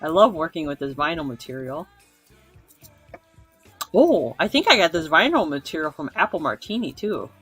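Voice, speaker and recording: A woman's voice: deep voice, big pitch swings, moderate pace, long pauses, fairly bright tone, breathy edge, faint music behind. A woman co-hosting a live craft sale, chatting in a friendly way about handmade items she is selling. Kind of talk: casual live-stream selling.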